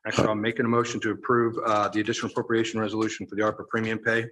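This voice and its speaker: A man chairing a town council meeting, rattling off motions and vote calls in quick succession. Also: lowish voice, little pitch movement, a bit bright, rough recording.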